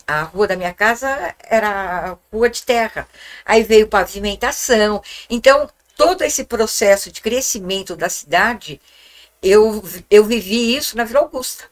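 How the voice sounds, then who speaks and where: A woman, telling childhood memories as a guest in a small podcast studio, speaking reflectively into a desk microphone. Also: medium pitch. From Guarulhos, Brazil. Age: 70s. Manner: warm, reflective storytelling with gestures. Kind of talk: reminiscing interview talk.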